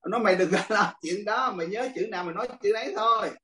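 A man's voice: high-pitched, fast, bright, forceful tone. An older man, a monk, teaching a class in casual, chatty talk, often laughing and speaking straight to his students. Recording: echoey room, far from the mic.

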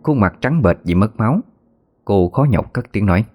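Low-voiced man narrating a horror story. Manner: steady, measured storytelling. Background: faint background music.

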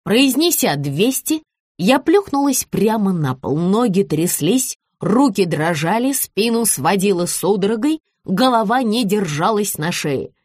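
A woman reading a comic first-person novel aloud with lively, expressive delivery. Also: medium pitch, measured pace, no echo. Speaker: audiobook narrator. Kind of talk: first-person audiobook narration. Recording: dry studio audiobook.

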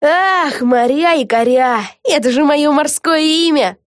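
A woman's voice: high-pitched, a little slow, no room sound, clean studio sound, voice pushed up. A woman voicing an eager young girl witch who is an obsessive superfan and plays pirate ship captain in an audiobook. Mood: cheerful. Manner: eager, bubbly. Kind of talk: audiobook character voice.

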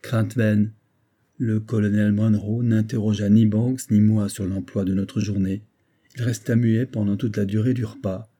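A man narrating a first-person novel in a measured, steady storytelling manner. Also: fairly low pitch. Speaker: audiobook narrator.

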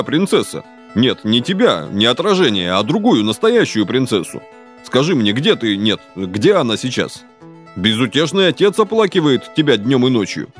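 A man's voice: medium pitch, lightly acted. A man gives voice to a weary, earnest young wanderer in a fairy tale, speaking in a plain mid-range voice with pleading sincerity. Faint guitar plays behind him.

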